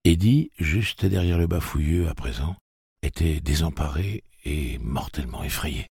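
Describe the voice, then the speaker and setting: A man reading a novel aloud as an audiobook narrator, with a gravelly, husky voice and a steady, measured delivery. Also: a bass voice, dry recording, clean studio sound. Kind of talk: scripted narration.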